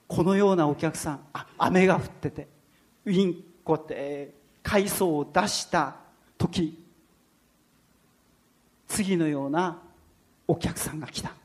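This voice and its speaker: Animated preacher telling a story. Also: mid-range voice. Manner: animated storyteller, shifts between narration and quoted voices. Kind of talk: sermon with storytelling.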